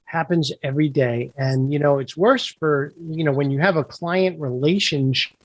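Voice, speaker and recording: A man's voice: fairly high pitch, normal speed, no room sound, dull audio. A man who is a guest on a podcast, explaining his work with confident, upbeat salesmanship. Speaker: guest, software founder. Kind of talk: interview explanation.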